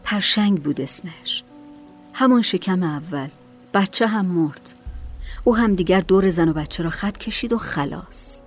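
Casting: calm female storyteller, lowish voice, faint music underneath. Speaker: narrator. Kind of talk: storybook narration.

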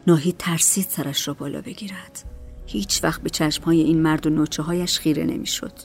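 A woman narrating a novel in a calm, measured voice. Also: low-pitched, soft background music. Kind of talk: storybook narration.

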